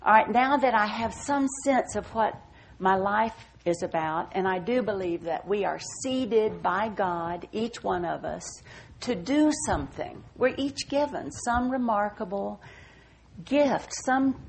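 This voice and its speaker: Slow, gravelly older woman. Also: mid-range voice, expressive, a little hiss or hum. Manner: warm, folksy, slowing to a measured recitation for poems. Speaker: speaker giving a talk. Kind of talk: reflective spoken talk with poetry reading.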